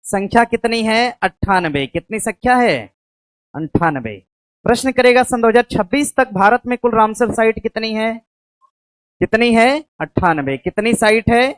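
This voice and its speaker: A woman teacher, lecturing an exam-prep class. She asks questions, answers them herself and slowly dictates notes. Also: fairly high pitch, no room sound. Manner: slow dictation of notes to write down.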